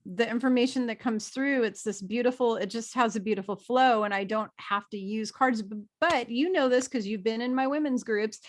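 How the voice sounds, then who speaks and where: A woman's voice: a little high, normal speed, hardly any pauses. A woman guest who talks about her spiritual work in a chatty, enthusiastic, rambling way. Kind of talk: casual video interview chat.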